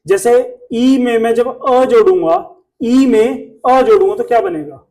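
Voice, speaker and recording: A man's voice: extremely high pitch, unhurried, a little mellow. A male Hindi teacher, giving a classroom lesson and drilling pronunciation by asking the class questions.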